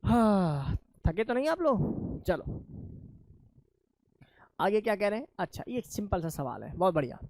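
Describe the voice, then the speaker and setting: A man teaching a chemistry lesson, asking his students questions and answering them himself in a lower voice, calling them children. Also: big pitch swings, a little slow, pauses often, darkish tone, a little hiss or hum. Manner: addresses students affectionately as children. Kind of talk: classroom lecture.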